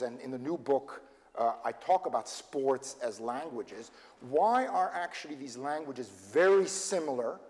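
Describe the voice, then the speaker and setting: Lively older professor in a lecture hall. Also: male voice, fairly high pitch. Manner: lively, digressive, asks "okay?" often. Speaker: keynote speaker, professor. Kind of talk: academic lecture.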